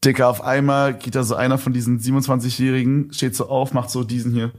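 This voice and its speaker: A young man, a podcast host, spinning a story in a loose, rambling way, stuffed with slang and fillers. His voice sits at an ordinary pitch. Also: little pitch movement, fast talker. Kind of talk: casual storytelling chat.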